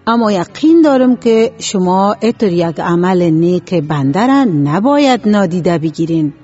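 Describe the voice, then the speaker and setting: A woman's voice: fairly low pitch, lively intonation, mellow, highs cut off, faint music behind. A woman voicing a stubborn, irritable village man who exclaims a lot. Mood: pleading.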